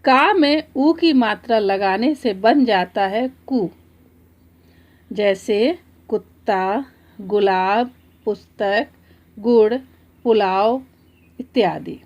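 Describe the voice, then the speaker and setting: A woman teacher explaining a lesson to children, slowly drawing out example words one by one. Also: mid-range voice, darkish tone. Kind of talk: slow, deliberate classroom explanation.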